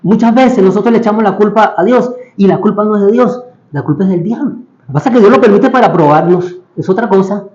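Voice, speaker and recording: High-voiced man preaching in an echoey room. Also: fast, a little mellow, highs cut off. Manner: asks the listeners rhetorical questions; acts out biblical characters' lines. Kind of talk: sermon.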